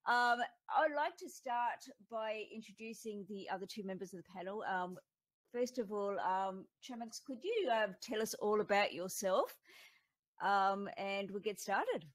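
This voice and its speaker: A woman's voice: mid-range voice, normal speed. A middle-aged woman hosting a panel over a voice call, chatting casually with lots of small laughs. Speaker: panel host.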